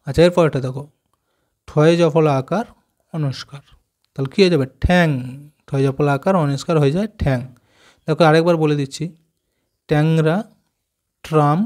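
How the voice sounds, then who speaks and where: A man's voice: fairly high pitch, darkish tone. Patient man teaching young children. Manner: slow, syllable-by-syllable explaining with frequent check questions. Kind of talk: explaining a children's reading lesson.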